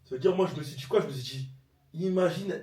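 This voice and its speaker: A young man, chatting excitably as co-host of a storytelling vlog. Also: fairly high pitch, fast talker. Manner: slangy, excitable. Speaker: partner co-hosting the vlog. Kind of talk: casual storytelling chat. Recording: echoey room, off-mic.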